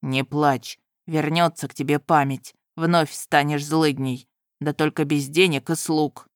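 A woman reading an audiobook, voicing a stern young nobleman who scolds his former fiancée in a lowered, gruff voice. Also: fairly even intonation, unhurried, dry recording, studio quality. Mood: soothing.

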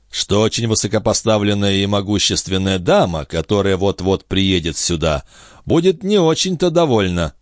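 A man's voice: fairly low pitch, no room sound, clean studio sound, natural voice. A man voicing a sarcastic, skeptical old male baron in an audiobook. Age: older. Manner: sarcastic, laughing, doubting.

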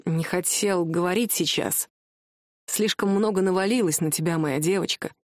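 Woman voicing a calm grave male wizard. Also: moderate pace, no room sound, clean studio sound, lightly acted. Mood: tender. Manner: calm, low, quietly sorrowful. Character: grave tender male wizard husband, restrained.

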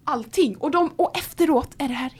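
A young woman with a high voice tells a story in a relaxed podcast chat. She acts out her own quoted lines with lively animation. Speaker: podcast co-host.

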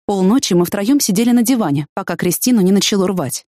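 A woman reads a first-person story in an even, measured way. Her voice sits in a middle register, and it is recorded close with a dry, dead sound. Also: medium pitch, no echo. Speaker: narrator. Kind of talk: first-person audiobook narration.

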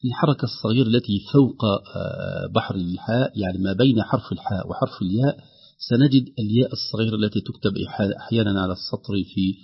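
A man teaching the rules of Quran recitation, drawing out words slowly to demonstrate them. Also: on the low side, vocal fry, husky. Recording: dull lo-fi broadcast audio.

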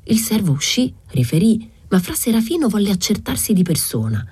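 A woman reading a novel aloud as an audiobook, in a calm, measured first-person narration. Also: medium pitch, husky. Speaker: reader.

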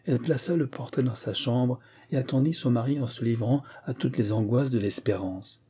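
A man narrating a classic novel in a measured, grave voice. His tone is very dark and mellow, with a husky edge. Scripted literary audiobook reading. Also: medium pitch.

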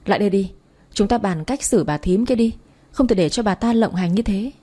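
A woman's voice: medium pitch, fairly quick, mellow, lightly acted. A woman voicing a rebellious teenage boy, the class troublemaker, speaking in a sneering, bossy way in a storybook reading. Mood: defiant.

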